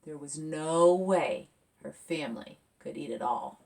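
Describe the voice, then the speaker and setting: Recorded from a distance, a woman children's author reads a picture book aloud and talks to young listeners at a measured pace. Her voice sits low, and her delivery is expressive and engaging, like she's asking them to come along.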